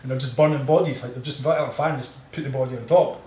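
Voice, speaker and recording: Quick-talking man. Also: mid-range voice, roomy sound. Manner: rambling, excitable storyteller. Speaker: podcast co-host. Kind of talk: casual chat, storytelling.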